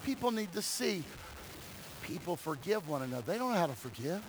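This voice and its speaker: Exhorting the congregation in a church sanctuary during a service, the pastor speaks briskly in a fairly high voice with big pitch swings. He repeats key phrases, calls for amens, and moves from quiet talk to loud emphatic cries. There's a little hiss or hum on a rough recording.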